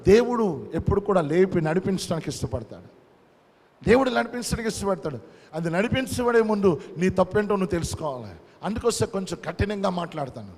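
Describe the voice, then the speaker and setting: A male pastor delivers a fervent sermon, hammering home his points through repetition and dropping in English phrases. His voice sits high for a man. A long hall reverb trails behind each line. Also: expressive, brisk, darkish tone. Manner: preaching with emphatic repetition, mixing in English phrases.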